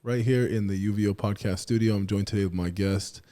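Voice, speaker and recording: A man's voice: fairly low pitch, fairly even intonation, a little fast, mellow. A man hosting a podcast in a studio, upbeat and loose in casual interview chat, swearing now and then. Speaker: podcast host, real estate team lead.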